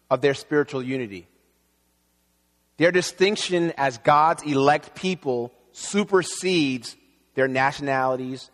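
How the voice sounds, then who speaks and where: A man born in Haiti, preaching an earnest, measured sermon as pastor. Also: on the high side, fairly bright tone. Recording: long reverb in a hall.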